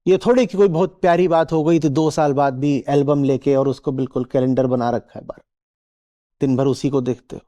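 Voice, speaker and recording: A man's voice: medium pitch, fairly even intonation, brisk, mellow. A man teaching a live audience in a spiritual discourse, asking rhetorical questions and checking that listeners follow. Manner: acts out little quoted voices.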